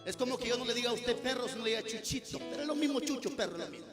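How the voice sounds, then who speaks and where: A male pastor with a Guatemalan accent preaching a fiery, scolding sermon at a church service, rising at times to shouts. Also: extremely high pitch, animated, very fast. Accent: Guatemalan Spanish. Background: music playing.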